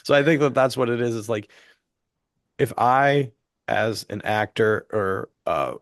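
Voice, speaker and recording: Heard in clean studio sound without any echo, this male podcast co-host has a mid-range voice and a measured pace. His talk is casual and excited, earnest and lively, peppered with "dude" and "like."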